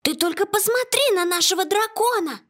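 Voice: animated, normal speed, fairly bright tone. Little ogre kids. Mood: gleeful. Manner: squealing, shrill exclamations. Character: excited little ogre kids, squeaky and rowdy. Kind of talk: storybook reading.

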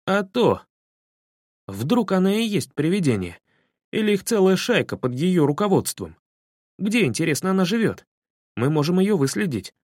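A brash, bossy young man, as a male narrator plays him, skeptical and sure of every plan he makes. He talks with commanding, scornful energy and lively pitch swings. The voice is recorded close and dry. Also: normal speed, long pauses, dry recording. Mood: scheming.

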